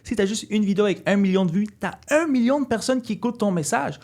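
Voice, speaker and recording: A man in his 20s from Quebec speaks earnestly as a guest in a casual interview, halting often and restarting his sentences. His voice sits high, with lively intonation and a slightly mellow quality.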